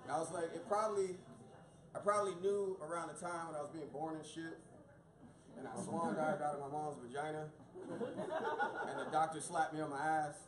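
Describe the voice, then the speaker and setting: A man's voice: fairly high pitch, moderate pace, long pauses, background noise. A man in his thirties from Florida doing a profane stand-up set, telling stories and acting out the voices of people in them. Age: 30s. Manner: profane, storytelling, acts out quoted voices. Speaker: stand-up comedian. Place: small dark comedy venue. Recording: echoey room with loud crowd. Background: audience laughter.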